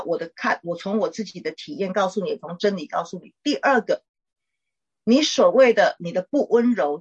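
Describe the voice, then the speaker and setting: A middle-aged woman, a pastor's wife, gently teaching and counseling a caller in a chatty way with small laughs. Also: medium pitch, breathy edge, muffled recording. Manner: warm conversational teaching, frequent "哈" tags and laughs.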